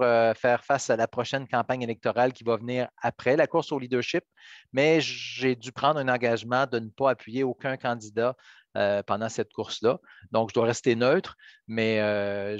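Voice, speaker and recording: A middle-aged man from Quebec with a Quebec French accent, answering interview questions as a politician in measured, hesitant phrasing. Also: medium pitch, no echo. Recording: dull, lo-fi band-limited sound.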